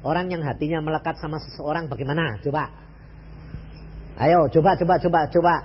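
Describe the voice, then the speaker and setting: A man's voice: a little high, fairly quick, muffled recording, slight background noise. A man with a Javanese-inflected Indonesian accent preaching a sermon as an evangelist, questioning the congregation and slipping in Javanese phrases.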